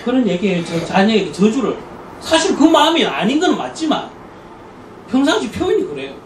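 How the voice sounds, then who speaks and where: Animated male church parenting lecturer. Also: extremely high pitch, brisk. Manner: animated storytelling, acts out quoted people. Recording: echoey room, distant mic, faint noise.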